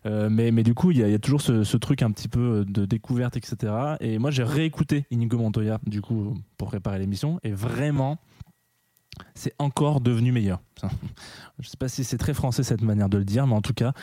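On a dry studio recording, a young live-radio host speaks in a mellow, mid-range voice at a fairly quick clip. His chat wanders, stuffed with fillers and false starts, and he keeps poking fun at himself with laughter.

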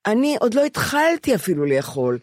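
A woman's voice: on the high side, big pitch swings, dry recording, clean studio sound. A woman in her seventies talking candidly as a podcast co-host, often stopping to restart and repeat words. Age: 70s. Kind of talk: candid conversation.

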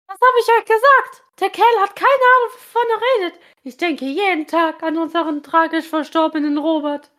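A woman's voice: very high-pitched, moderate pace, hardly any pauses, fairly bright tone. A woman reading a nosy, spiteful aunt. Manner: prying, provocative.

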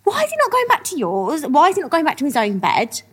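A woman's voice: high voice, wildly swooping pitch, quick pace. A woman co-hosting a podcast, bantering playfully and laughing often in casual chat. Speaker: podcast co-host.

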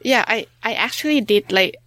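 A woman with a Thai accent, a researcher answering interview questions in a halting way, full of fillers and restarts. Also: on the high side, lively intonation, dry recording. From Thailand. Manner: halting, many fillers and restarts, soft-spoken. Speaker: researcher guest.

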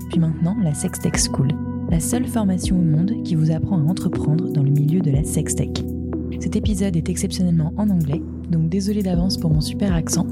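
A woman podcast host reading a brisk, enthusiastic scripted introduction. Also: lowish voice. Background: music.

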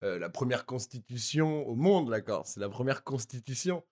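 A man's voice: mid-range voice, animated, normal speed, darkish tone. A man from France in casual podcast chat, stumbling over repeated words and using street slang.

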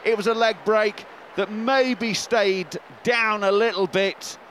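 A man commentates on cricket live. His voice sits high and he takes his time between phrases, with faint noise around him. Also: fairly even intonation, slow, fairly bright tone.

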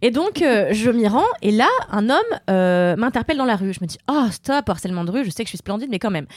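Woman, chatty podcast co-host, animated and self-mocking, dry close sound. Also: medium pitch, quick pace, no room sound. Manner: animated, self-mocking anecdote telling with laughs. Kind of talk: casual group chat, storytelling.

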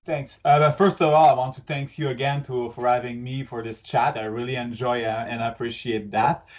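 A male podcast guest talks in a middle-pitched voice, careful and hesitant, with fillers. His audio sounds dull and lo-fi, like a remote feed. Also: steady tone, normal speed. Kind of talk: casual interview chat.

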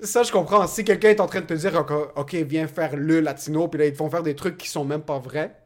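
A young man with a Québécois French accent, co-hosting a casual chat in a lively, slangy way that mixes in English. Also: fairly high pitch, fairly quick. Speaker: podcast co-host, comedian.

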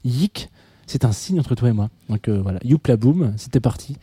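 A man with an English accent, hosting a casual radio show, hesitant and quick to laugh. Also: medium pitch, animated, warm tone, breathy edge, no room sound. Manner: hesitant, laughing, self-correcting. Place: radio studio. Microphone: studio microphone.

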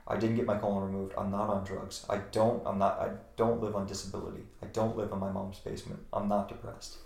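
Gravelly man giving earnest life advice. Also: on the low side, little pitch movement, quick pace, darkish tone. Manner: earnest, emphatic, repeats key phrases. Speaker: interview guest. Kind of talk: motivational interview answers. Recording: roomy echo.

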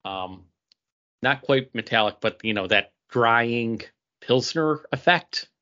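This podcast co-host chats casually through reviews, often pausing to hunt for words. His medium-pitched voice sounds animated, pushed and bright, moving at a slow pace, and the lo-fi recording is dull.

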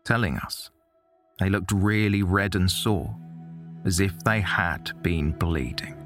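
A man giving measured, scripted narration for a true-crime documentary. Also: low voice, over music.

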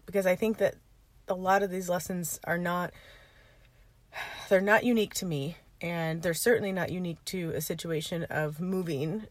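Lady podcaster rambling away in her car, lowish voice, dry close sound. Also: no echo. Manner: rambling, chatty, laughs often. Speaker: podcast host and coach. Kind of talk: casual podcast monologue. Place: sitting in a parked car. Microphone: informal setup, no computer.

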